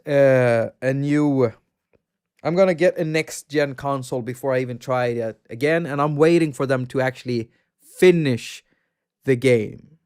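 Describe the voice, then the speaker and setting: On his casual livestream, a Swedish-accented man from Sweden rambles on about games, reading out viewer chat and laughing frequently. His voice is on the high side, clear and resonant, and his manner chatty.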